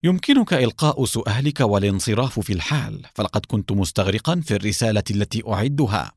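A man's voice: lowish voice, expressive, quick pace, dry recording. Man reading a cold stuck-up doctor, curt and condescending, dry close sound. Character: cold, haughty middle-aged male doctor. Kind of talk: storybook reading with voices.

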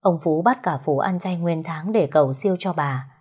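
Storyteller: woman, husky and low-pitched, steady delivery. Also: normal speed. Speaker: narrator. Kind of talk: audio story narration.

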